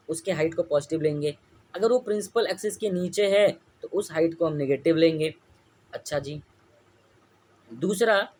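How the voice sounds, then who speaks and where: A male teacher gives a classroom-style lecture in a fairly high voice. He keeps putting questions to the class and then answers them himself, repeating the key points. Faint noise hums behind him. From India.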